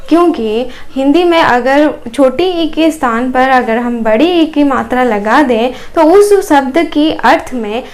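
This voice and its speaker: A woman's voice: high voice, measured pace, few pauses. A woman teacher with an Odia accent, whose first language is Odia, explaining grammar with examples and fillers. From Odisha, India. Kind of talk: grammar lesson.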